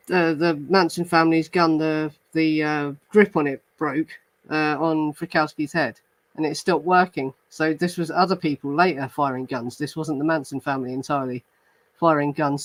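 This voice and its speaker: This true crime podcast host has a voice on the high side with fairly even intonation and a moderate pace. He chats casually in reaction to live comments, full of fillers and restarts, sometimes reading report passages aloud. The recording is dry and rough.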